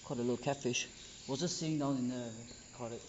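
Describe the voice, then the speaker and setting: A man's voice: mid-range voice, fairly even intonation, fast, echoey room, highs cut off, background noise. A man, hosting and narrating a casual outdoor fishing vlog. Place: outdoors at a cliff and cave.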